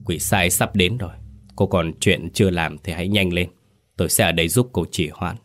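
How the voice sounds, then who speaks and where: A man voicing a calm, blind young female spirit medium in a ghost story, speaking coolly and matter-of-factly. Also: low-pitched, a little hiss or hum. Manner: cool, unhurried, matter-of-fact.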